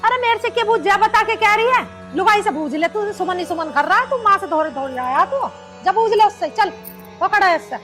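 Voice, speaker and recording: An actress playing a sharp-tongued, bossy village mother-in-law who scolds in rural speech. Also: extremely high pitch, expressive, a little fast, music in the background. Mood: scolding. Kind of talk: rural comedy drama acting.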